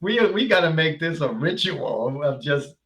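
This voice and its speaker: A man's voice: fairly high pitch, expressive, moderate pace, fairly bright tone. A man hosting a casual interview, often repeating and restarting his words. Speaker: host.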